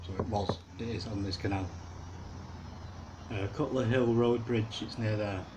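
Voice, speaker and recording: A man's voice: on the low side, fairly even intonation, unhurried, noisy background. A man, giving rambling, casual commentary as he walks along a city canal. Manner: rambling, chuckling asides. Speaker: canal walk video maker.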